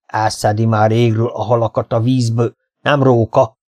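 A man reading an audiobook, voicing a small, weathered, barefoot marsh fisherman who grumbles with gruff scorn. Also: medium pitch, level tone, a little mellow, no room sound, close to an everyday voice. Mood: scornful. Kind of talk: audiobook character voice.

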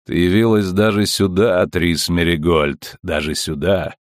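A man's voice: deep voice, dry recording, clean studio sound. Man voicing a cold metallic mocking spirit. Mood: sneering. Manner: slow, cold, sneering. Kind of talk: audiobook reading.

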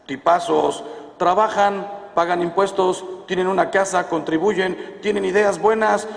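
A man's voice: high voice, steady tone, a little slow, vocal fry. A Mexican priest in his fifties telling a story to an audience, acting out the dialogue and breaking into emphatic outbursts. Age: 50s. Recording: echoey hall, long reverb.

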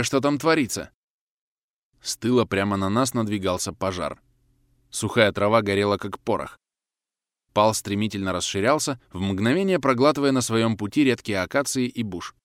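Guy reading a war audiobook, lowish voice, steady, dry close mic. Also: smooth, dry recording. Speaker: audiobook narrator. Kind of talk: first-person war novel narration.

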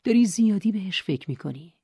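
A woman voicing a grown brother who urges his sister on in short, brisk lines, in an audiobook reading. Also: mid-range voice, animated, warm tone, husky, no room sound, pitched above the performer's own voice. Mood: urging. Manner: brisk, urging. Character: adult brother, blunt and pushy.

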